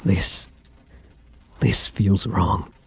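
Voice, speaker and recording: A man playing a possessive, lovesick ex-boyfriend in an ASMR role-play, speaking intensely and defensively to the listener with dramatic pauses. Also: low-pitched, breathy edge, exaggerated voice. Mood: hurt, bitter. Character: possessive, obsessive ex-boyfriend, self-justifying and lovesick.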